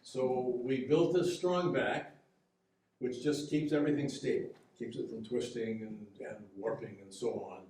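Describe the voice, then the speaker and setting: In a public history lecture with slides, a local presenter who builds boats goes through the construction process step by step. His delivery is relaxed and mellow yet stop-start, full of fillers and restarts. He's recorded from a distance, and the room booms and echoes around him.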